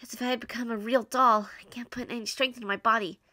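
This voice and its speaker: A woman hosts a let's play with a very bright, forward voice. She moves between reading story text aloud and casual, reactive commentary, in a dry, close sound. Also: a little high, fairly even intonation, fast, dry recording. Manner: informal, reactive.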